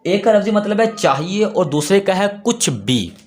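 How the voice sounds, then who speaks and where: A man teaching a class, patiently asking his own questions and repeating each key word slowly. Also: high-pitched, sing-song. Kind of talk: classroom lesson.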